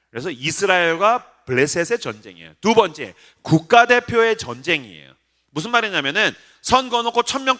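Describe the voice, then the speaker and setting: A man's voice: sits high, bright, forceful tone. A male pastor in his forties giving a casual, joking sermon to teenagers and often quizzing his listeners. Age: 40s. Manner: casual, joking, asks the crowd questions. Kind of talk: animated youth sermon. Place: church sanctuary.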